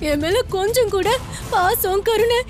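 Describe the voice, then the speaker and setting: A sobbing, pleading daughter-in-law. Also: female voice, very high voice, a little slow. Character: tearful battered young daughter-in-law. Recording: TV serial with music behind.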